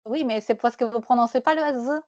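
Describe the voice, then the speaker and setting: A woman teaching French pronunciation one-on-one, patiently repeating words slowly and laughing often. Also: fairly high pitch, darkish tone, dry recording, lo-fi sound.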